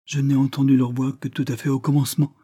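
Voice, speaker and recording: Un homme incarne une jeune noble effrayée qui supplie et pleure, dans la lecture d'un roman. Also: male voice, medium pitch, level tone, quick pace, warm tone, husky, dry recording, voice pushed up, lightly acted. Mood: distraught, pleading. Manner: tearful, trembling pleading. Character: frightened young noblewoman, tearful and pleading. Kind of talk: audiobook character reading.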